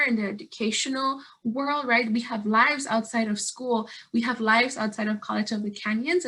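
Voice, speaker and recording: Young woman from Guatemala, slightly high, bright voice, earnest presenter on a video call. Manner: earnest, animated, many fillers and restarts. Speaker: statewide organizer and guest speaker.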